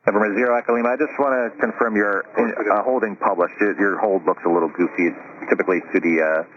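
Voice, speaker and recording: A man's voice: on the low side, steady tone, brisk, no room sound. Man on muffled aviation radio. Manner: clipped, matter-of-fact radio callouts. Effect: aviation radio transmission. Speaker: pilot or air traffic controller. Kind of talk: radio phraseology.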